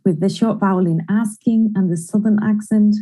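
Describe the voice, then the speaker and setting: A woman's voice: medium pitch, steady tone, moderate pace, mellow, poor audio. A woman giving an online academic conference presentation, explaining her research methodically through a computer mic. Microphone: computer mic in an online screen-share presentation.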